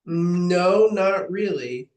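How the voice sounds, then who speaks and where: A man's voice: high voice, animated, very slow, a little mellow. Man explaining figures in an echoey room. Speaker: town official answering budget questions. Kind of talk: explanatory meeting talk. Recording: echoey, roomy meeting audio.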